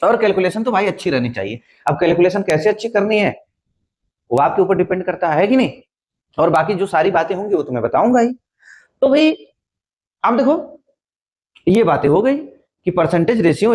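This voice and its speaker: A man's voice: high voice, expressive, a little fast, a little mellow. A man teaching an exam-prep maths lesson, often asking a question and then answering it himself. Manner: repetitive, asks and answers own questions.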